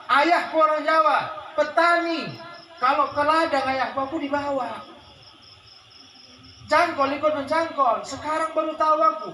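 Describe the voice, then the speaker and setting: Animated high-voiced male preacher, echoey room. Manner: animated, swings from soft asides to shouted points, jokes with the crowd. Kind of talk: lively religious sermon to a village audience. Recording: echoey room with faint background noise.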